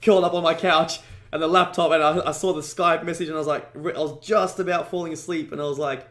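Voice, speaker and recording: A man's voice: fairly high pitch, fairly even intonation, fast, fairly bright tone, reverberant. A man guest in a casual interview, telling a long story with heavy fillers and frequent swearing. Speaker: podcast guest, ecommerce entrepreneur.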